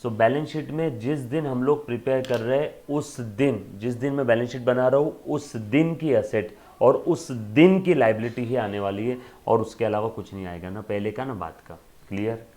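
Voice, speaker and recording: A man's voice: mid-range voice, normal speed, few pauses, mellow. A male accountancy lecturer giving an emphatic classroom lecture, checking in with rhetorical questions and fondly addressing students as children.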